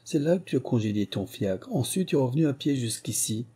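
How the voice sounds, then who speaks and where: A man reading an audiobook and voicing a clever, confident young Parisian woman who plays detective, in a brisk, teasing manner. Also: medium pitch, lively intonation, warm tone, breathy edge. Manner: brisk, teasing, deducing aloud.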